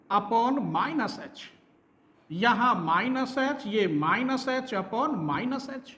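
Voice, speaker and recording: A man's voice: extremely high pitch, fairly bright tone, echoey room. A man teaching maths, working through a problem step by step and quizzing students with rhetorical questions. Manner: dictates step by step, slowly spelling out symbols. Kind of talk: classroom maths lecture.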